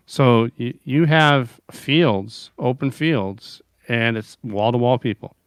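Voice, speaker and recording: Smooth-voiced rambling podcast co-host. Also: male voice, medium pitch, takes it slowly, dry recording, studio quality. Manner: rambling, restarts often, chuckles. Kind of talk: casual political chat.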